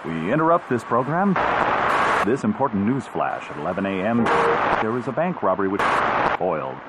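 An actor playing a brisk male radio news announcer, reading an urgent bulletin through an old radio sound. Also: fairly low pitch, big pitch swings. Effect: old radio broadcast. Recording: loud noisy radio sound.

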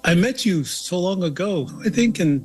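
Male radio host doing an interview, voice a bit high, faint music under him. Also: animated, moderate pace, a little mellow. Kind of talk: radio introduction and interview conversation.

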